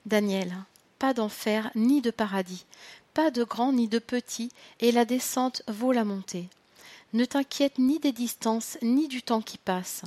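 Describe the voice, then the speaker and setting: A woman voicing a calm, solemn spirit guide who speaks softly and slowly in a storybook reading. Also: fairly high pitch, no room sound.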